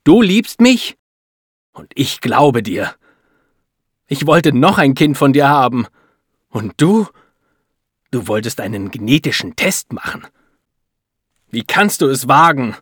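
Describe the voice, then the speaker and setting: A man's voice: mid-range voice, sing-song, slow pace, long pauses, slightly rough, no room sound, clean studio sound, pitched above the performer's own voice, heavily acted. Man playing an enraged jealous husband. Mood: bitter. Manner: shouting, bitter and sarcastic.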